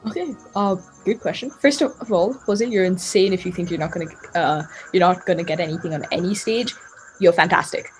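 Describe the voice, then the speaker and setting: Young female guest, late teens, light Indian accent, chatty, lower register. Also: brisk, soft background music, rough recording. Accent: light Indian, British-tinged. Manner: chatty, laughs easily. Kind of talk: casual conversation.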